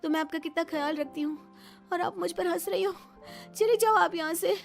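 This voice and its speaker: Woman doing a young daughter-in-law, upset, high voice, reproachful. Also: level tone, normal speed, a bit bright, soft background music. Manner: pleading, reproachful. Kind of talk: cartoon voice acting.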